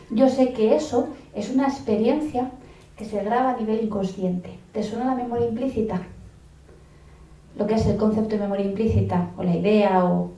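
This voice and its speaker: A woman's voice: medium pitch, dark tone. A woman giving a conference talk on parenting, chatty and always checking in with her audience. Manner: conversational, checks in with listeners often. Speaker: lecturer on parenting. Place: conference hall. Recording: roomy hall, voice from a distant mic.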